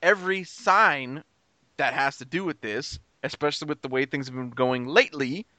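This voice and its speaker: A man's voice: medium pitch, normal speed, sharp tone, no room sound. A man as a guest on a casual podcast chat, blunt and swearing freely.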